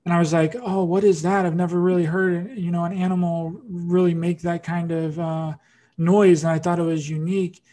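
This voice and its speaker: A man's voice: high-pitched, level tone, moderate pace, warm tone. A man hosting a podcast interview, telling a rambling story with lots of fillers and restarts. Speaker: podcast host. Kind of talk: casual interview chat.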